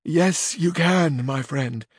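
A man's voice: on the high side, slow, husky, no room sound, studio quality. A man doing a lamenting distressed noblewoman. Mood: formal. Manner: florid, lamenting.

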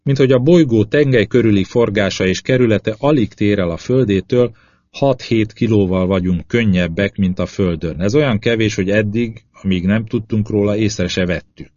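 A man's voice: lowish voice, a little mellow, no echo, close to an everyday voice. A man voicing an earnest male astronaut who explains things in an audiobook. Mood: explaining. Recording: slightly dull lo-fi audio.

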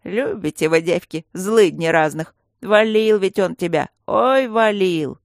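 A reader voicing a sly, gruff stone guardian who growls and coaxes by turns. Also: medium pitch, expressive, measured pace, no room sound, clean studio sound. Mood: grumbling. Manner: growling, fussy, coaxing.

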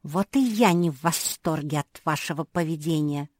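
A woman voicing a hot-tempered youngest pug sister who snaps and shouts in sharp outbursts. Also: sits low, moderate pace, no echo, clean studio sound. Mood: angry.

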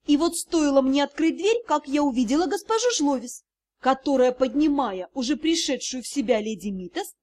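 A woman narrating a first-person fantasy novel in an expressive storytelling manner. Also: high-pitched, normal speed. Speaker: audiobook narrator.

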